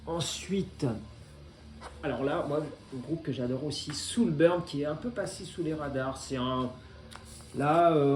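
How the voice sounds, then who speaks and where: A man's voice: a little high, a little mellow. A man in his forties casually presenting his vinyl records, hesitant and full of filler sounds but enthusiastic. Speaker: record collector. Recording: roomy echo.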